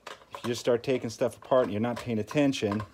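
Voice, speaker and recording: This tinkering-channel host talks fast in a medium-pitched, fairly even voice while doing a hands-on repair at an indoor work table. He thinks aloud in a relaxed, folksy way. Background noise, clicks, and handling sounds are clearly audible.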